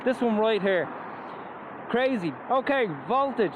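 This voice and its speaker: An Irish-accented man from Ireland, reviewing an electric scooter, chats enthusiastically and animatedly but unhurriedly as he rides near roads in a helmet and mask. His extremely high voice comes through narrow and tinny, over outdoor traffic and wind.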